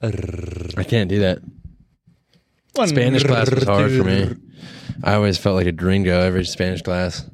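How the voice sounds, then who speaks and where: A man jokes in relaxed, slangy banter. His voice is on the low side. The recording is dry and close. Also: a little slow, pauses often, no room sound. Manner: laid-back slangy banter. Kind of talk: casual chat.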